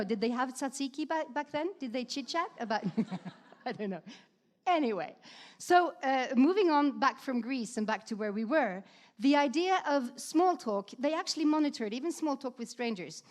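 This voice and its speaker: A Norwegian woman with a high voice gives a conference talk from a stage before a live audience. She is lively and chatty, full of fillers and asides to the crowd.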